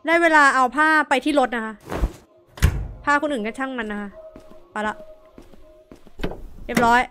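Bright, high-voiced young woman gaming. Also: a little slow, slight background noise. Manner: chatty, jumpy, swears when startled. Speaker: VTuber streamer. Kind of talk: horror game let's play.

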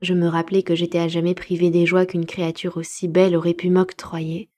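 A woman narrating a classic novel as a home-made live audiobook, measured and expressive. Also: on the low side. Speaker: audiobook reader.

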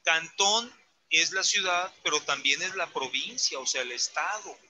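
A man's voice: a little high, a little slow, pushed and bright, poor audio. A man teaching a Mandarin lesson, patiently correcting a student's tones step by step. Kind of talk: online language lesson.

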